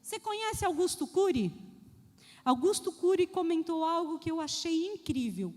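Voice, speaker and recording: A woman pastor giving a lively sermon. She speaks straight to the congregation and acts out the voices in her stories. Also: very high voice, moderate pace. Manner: addresses the congregation directly. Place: church. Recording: long church hall reverb.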